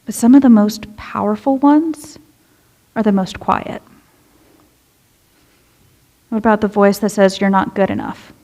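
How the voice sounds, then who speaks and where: Unhurried and leaving long pauses, a young youth minister with a dark-toned, mid-range voice preaches in a church sanctuary. Her sermon is casual, conversational, and relatable, and she keeps asking the congregation questions.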